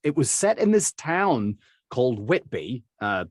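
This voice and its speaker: An accent and dialect coach from England, a middle-aged man, guests in an interview and tells his story in a chatty, rambling way full of fillers and small laughs. His voice is at an ordinary middle pitch with a sing-song lilt. The mic is close and dry, with no echo.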